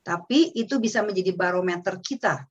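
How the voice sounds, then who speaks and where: Brief: middle-aged Indonesian woman, lively storyteller, slightly dull webinar audio. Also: on the low side, brisk, slightly rough. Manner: chatty, animated storytelling with acted quotes. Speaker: webinar speaker on parenting. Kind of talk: casual talk. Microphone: webinar microphone.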